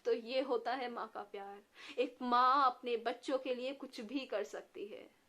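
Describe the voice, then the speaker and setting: A woman's voice: a little high, steady tone, unhurried, a bit bright. A young woman telling a heartfelt story and message, earnest, mixing in English phrases.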